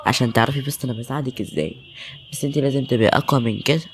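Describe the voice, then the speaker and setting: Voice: medium pitch, rapid-fire, slight background noise. A voice actor with an Egyptian Arabic accent, performing an audio drama with tense, emotional delivery.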